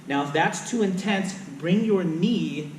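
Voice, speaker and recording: A man's voice: high-pitched, measured pace, darkish tone, recorded from a distance, a little hiss or hum. A male fitness trainer explaining and demonstrating exercises in a gym, counting out reps as he moves. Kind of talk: instructional workout video. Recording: echoey room, voice from off-mic.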